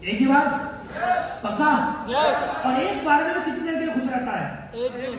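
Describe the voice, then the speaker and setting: A man's voice: very high voice, measured pace. A man in his thirties giving a motivational business seminar, quizzing the crowd with repeated questions and answers. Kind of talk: seminar speech to a live audience. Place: large hall. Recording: echoey hall from far off, faint noise.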